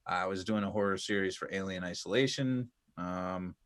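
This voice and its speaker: A man's voice: deep voice, normal speed, a bit bright, no room sound, clean studio sound. A man co-hosting a gaming podcast, rambling loosely and swearing casually. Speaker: podcast co-host. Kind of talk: casual chat.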